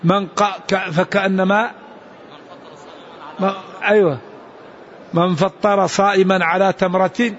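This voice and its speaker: A man teaching a religious lesson in an explanatory, unhurried way, restarting and adding asides. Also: high-pitched, flat delivery, lo-fi sound. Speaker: Islamic scholar.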